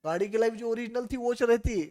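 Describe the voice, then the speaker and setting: A man's voice: very high-pitched, fast, darkish tone. A man teaches accounting to a class. He keeps firing rhetorical questions at his students to push them to think. English phrases run all through his explanations, the way a classroom teacher talks. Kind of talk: classroom lecture.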